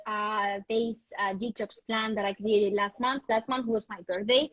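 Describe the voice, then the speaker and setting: A woman's voice: medium pitch, steady tone, unhurried, fairly bright tone, no room sound, rough recording. A woman guest on a video-call interview, explaining her wellness program in an earnest, passionate way. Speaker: guest, wellness retreat host. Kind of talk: interview conversation.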